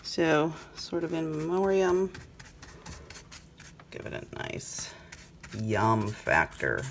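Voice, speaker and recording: Woman, middle-aged, low-pitched, enthusiastic home cook, echoey room, faint background hiss. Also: wildly swooping pitch, slow, creaky. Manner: chatty, enthusiastic about food, tasting on camera. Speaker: channel host. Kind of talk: casual cooking demonstration.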